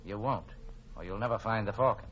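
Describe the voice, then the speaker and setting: Male actor as wisecracking tough detective, vintage radio noir: rapid, clipped, commanding, on muffled old recording. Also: lowish voice, fairly bright tone, slight background noise, lightly acted. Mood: coolly defiant. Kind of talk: hard-boiled 1940s radio drama acting.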